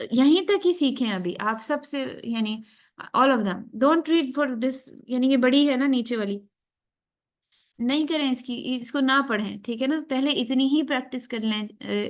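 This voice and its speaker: A woman teaching a tajweed class, slipping English phrases into her talk and often checking that students follow. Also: on the high side. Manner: keeps checking in with students after each point; mixes English phrases into Urdu. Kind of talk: class lecture.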